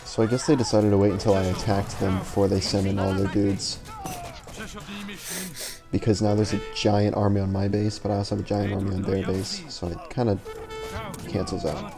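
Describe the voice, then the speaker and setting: A man's voice: fairly low pitch, flat delivery, brisk. A young man giving laid-back, casual commentary while playing a video game. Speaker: gameplay commentator. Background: game music.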